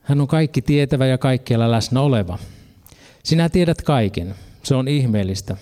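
A man's voice: mid-range voice, warm tone. A man preaching a sermon, earnest, reading scripture passages and adding casual asides.

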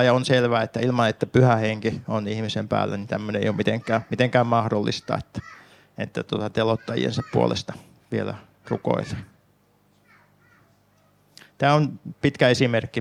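A man preaching a sermon, calmly explaining a Bible passage and speaking directly to his listeners. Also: fairly low pitch, vocal fry.

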